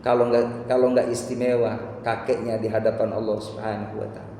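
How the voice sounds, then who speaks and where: A middle-aged man preaching a sermon, telling a personal story in a conversational way that swells into impassioned, high-pitched delivery. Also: level tone, a little fast, warm tone, a little hiss or hum. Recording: echoey hall with faint ambience.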